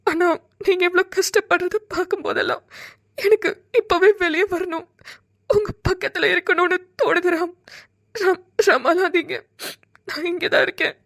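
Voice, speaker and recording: A woman's voice: very high-pitched, normal speed, creaky, fairly bright tone, dry recording, clean studio sound, exaggerated voice. A woman voicing a devoted, tender young woman in a cartoon, pleading and near tears. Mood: tearful. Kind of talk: cartoon voice acting.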